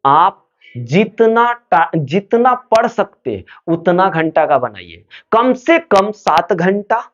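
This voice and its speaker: A man's voice: high-pitched, very animated, slow pace, fairly bright tone, highs cut off. A man giving motivational study advice to students, asking questions and answering them himself.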